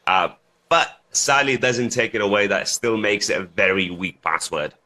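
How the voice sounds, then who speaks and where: A man, born in Lithuania and raised in the UK, speaking haltingly as a guest on a radio talk show. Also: on the low side, lively intonation, sharp tone. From United Kingdom. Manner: halting, restarts often, laughs easily.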